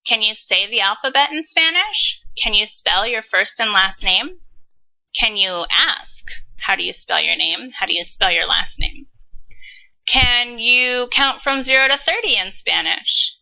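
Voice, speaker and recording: A woman in her thirties teaching a recorded Spanish lesson, modeling words slowly and carefully. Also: on the high side, lively intonation, vocal fry, pushed and bright, dull audio. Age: 30s.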